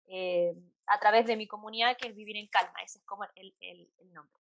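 A woman from Chile with a Chilean Spanish accent, a psychologist chatting as a guest, with many fillers and soft laughs. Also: mid-range voice, steady tone, a little fast, no echo. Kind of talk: casual interview chat.

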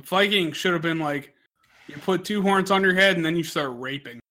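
A man's voice: high-pitched, normal speed, pushed and bright. A man hosting a podcast in casual, crude, joking chat with plenty of swearing. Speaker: podcast host.

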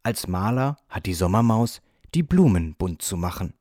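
A man doing a dreamy little mouse poet, soft and unhurried, kinda low voice, dry close sound. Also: big pitch swings, no echo. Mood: reciting. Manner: gentle, unhurried, recites like a poem. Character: calm, dreamy male field mouse poet.

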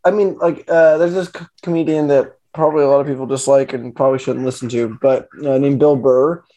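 A man's voice: mid-range voice, fairly even intonation, a little fast, dark tone. A man co-hosting a podcast in casual chat, rambling with many fillers and restarts. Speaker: podcast co-host.

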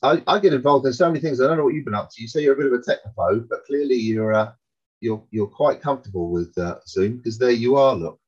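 A man's voice: medium pitch, quick pace, slightly rough. An older man hosting a casual interview over a video call, chatty and loose, swearing freely and laughing easily. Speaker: podcast host. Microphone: condenser mic over a video call. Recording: dull lo-fi video call audio.

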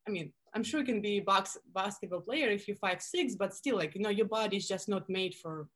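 A woman's voice: mid-range voice, brisk. Russian-accented woman in her thirties, chatty. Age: 30s. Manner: animated storytelling with many fillers. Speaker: guest. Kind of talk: casual interview chat.

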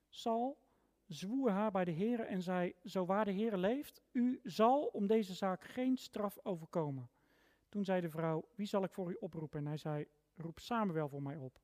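A preacher giving a sermon and reading a Bible passage aloud, stressing single words with sudden swings in loudness. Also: mid-range voice, a little slow. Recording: long reverb of a large hall.

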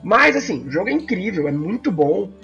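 Dude rambling about games, kinda high voice, gravelly, slightly dull lo-fi sound. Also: male voice, brisk, soft background music. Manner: animated, frequent fillers and restarts. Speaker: podcast co-host. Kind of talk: casual chat about video games.

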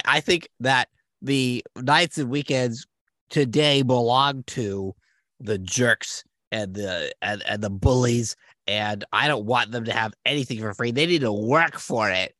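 A man's voice: mid-range voice, slow pace, bright, forceful tone, no echo, studio quality. A man playing a smug, self-important male debate candidate who gives rambling, roundabout answers.

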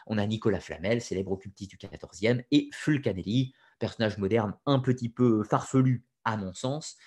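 A lecturer on occult history speaks unscripted in a lowish, darkish, slightly rough voice at a moderate pace. He explains step by step, often hesitating with fillers and restarts, and addresses listeners directly with opinionated asides.

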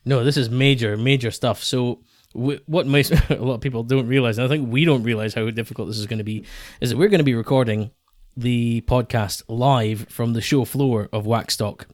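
A man hosting a podcast in casual talk, earnest and a little halting, often repeating his phrases. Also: medium pitch, fairly even intonation, dry recording, studio quality. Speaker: podcast host.

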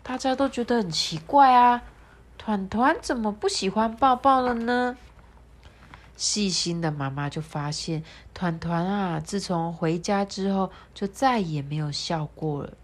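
A woman reading a children's picture story aloud in a gentle, sing-song way, voicing the characters now and then. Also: medium pitch, unhurried.

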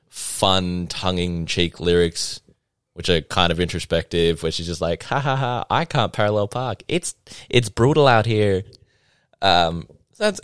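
Young male music reviewer with a deep voice; loose, chatty, self-mocking delivery full of fillers. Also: a bit bright, no room sound, studio quality. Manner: chatty, rambling, self-deprecating, lots of ums and likes. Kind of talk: casual album review monologue.

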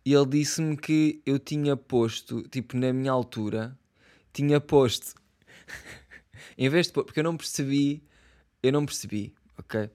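A man's voice: mid-range voice, a little slow, a little mellow. A young man with a European Portuguese accent, ranting casually in slangy, swear-filled talk with lots of fillers. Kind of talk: casual rant.

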